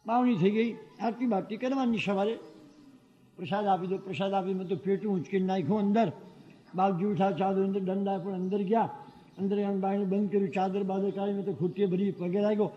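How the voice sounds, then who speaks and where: A man telling a devotional story to a gathering, animated and acting out the exchanges he describes. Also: sits high, brisk. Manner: animated, acts out quoted exchanges. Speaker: devotional speaker. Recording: dull lo-fi sound with long hall reverb.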